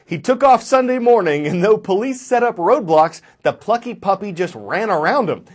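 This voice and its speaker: A man's voice: sits high, sing-song, moderate pace. A man hosting a student newscast, reading scripted stories with a playful, punning delivery. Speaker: news anchor, show host. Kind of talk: scripted student news narration.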